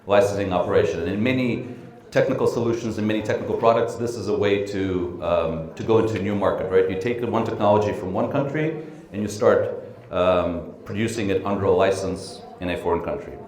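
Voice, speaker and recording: Lecturing a training session in a conference room, a middle-aged man speaks in a low-sitting voice, a little fast, with an echoey sound. Born in Russia and brought up in the US and the Netherlands, he stays relaxed, often says um or uh, and keeps tagging on "right?"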